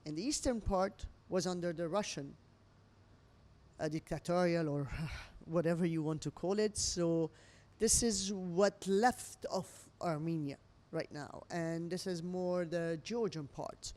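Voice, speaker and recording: A middle-aged Lebanese woman speaks unhurriedly in a fairly low voice. She owns a restaurant and, during an interview over a meal, talks expressively in imperfect English with non-native phrasing.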